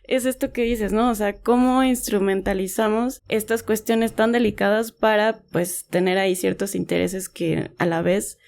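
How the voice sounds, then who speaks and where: Woman, gravelly fry in the voice, reflective, casual podcast chat. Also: medium pitch, steady tone, moderate pace, few pauses, a little mellow. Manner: indignant, reflective. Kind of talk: casual conversation.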